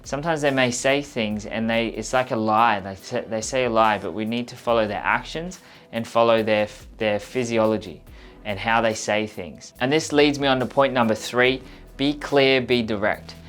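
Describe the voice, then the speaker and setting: A man's voice: mid-range voice, fairly even intonation, moderate pace, fairly bright tone, faint music behind. A man giving an instructional, conversational coaching talk, speaking directly and earnestly to the viewer and repeating points for emphasis. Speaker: communication coach presenting a how-to video.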